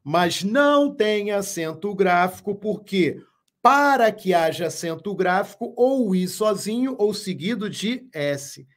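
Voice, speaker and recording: Slow, emphatic male teacher. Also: high voice, animated. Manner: slow and emphatic, repeats key words, asks viewers questions. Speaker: Portuguese teacher. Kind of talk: live online grammar lesson.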